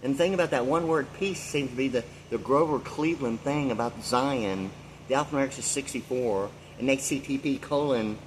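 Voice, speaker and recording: A vlogger in his sixties rambles through a meandering, free-associating monologue packed with fillers and loose asides. His medium-pitched voice moves briskly. The audio is poor, with a little hiss or hum.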